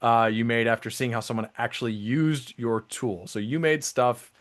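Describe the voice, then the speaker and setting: A man's voice: medium pitch, moderate pace. A man hosting a podcast, asking questions and joking in a casual interview. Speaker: podcast host.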